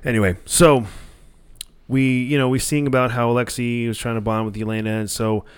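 A man's voice: mid-range voice, little pitch movement, a little fast, clear, resonant tone. A man hosting a podcast, recapping a movie in a casual, rambling way, swearing freely and restarting his sentences. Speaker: podcast host.

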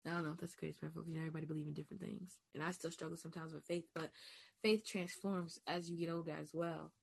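A woman in her twenties gives a reflective personal monologue in a preacher-like style. She makes emphatic declarations with call-and-response asides, then drops to soft, hushed affirmations. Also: low-pitched, little pitch movement, racing, vocal fry, breathy edge. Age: 20s. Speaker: podcast host.

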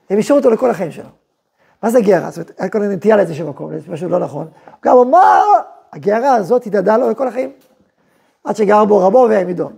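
A man teaching a Torah class as a rabbi, telling a story and acting out its voices with emphatic, lively delivery. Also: sits high, creaky, slightly rough. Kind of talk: animated Torah lesson with storytelling.

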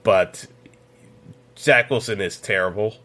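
A man's voice: lowish voice, slow pace, a bit bright. A man hosting a solo sports podcast, giving opinionated betting picks in a casual way with lots of fillers and restarts. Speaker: podcast host.

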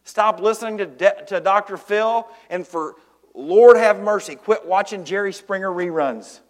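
A man's voice: high voice, unhurried. A man preaching an evening sermon as pastor, emphatic and stretching out his stressed words. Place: church sanctuary. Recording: long hall reverb in a church.

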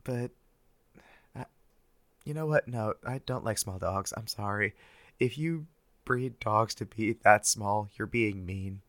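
An older man hosting an ASMR podcast, speaking softly and whispering close into the ear in a wry, deadpan ramble. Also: lowish voice, takes it slowly, long pauses, no room sound. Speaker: podcast host. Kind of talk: soft ASMR podcast monologue.

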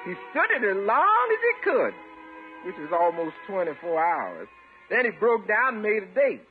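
A sassy, gossipy woman of the house in a 1950s radio comedy. She talks in a droll, folksy way with huge swings of pitch, on a narrow-band recording with faint music. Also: huge pitch swings, normal speed. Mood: droll, teasing.

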